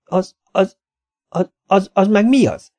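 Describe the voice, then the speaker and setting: A man's voice: a little high, expressive, gravelly, darkish tone, breathy edge, pitched above the performer's own voice, exaggerated voice. A man voicing a panicked young man who stammers in a tormented voice.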